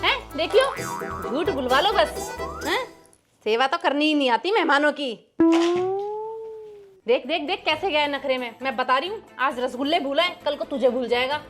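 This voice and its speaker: An actress playing a sharp-tongued, nagging mother-in-law in a comedy sketch, scolding and taunting her son-in-law. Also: sits high, expressive, moderate pace, long pauses, over music.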